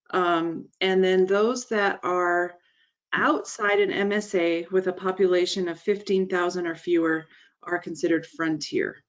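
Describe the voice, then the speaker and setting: A woman on program staff answering a webinar question, explaining the rules with ums and self-corrections. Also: lowish voice. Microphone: video call. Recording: dull lo-fi online call audio.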